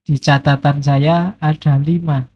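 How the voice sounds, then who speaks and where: A middle-aged man, giving a relaxed, joking philosophy lecture with playful everyday examples. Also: fairly high pitch, takes it slowly, husky. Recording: dull lo-fi lecture recording.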